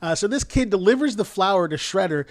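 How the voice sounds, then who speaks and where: Higher-voiced man rambling through a recap. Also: expressive, fast, dry recording. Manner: rambling, hesitant retelling with frequent laughs. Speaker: podcast co-host. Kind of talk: casual movie recap chat.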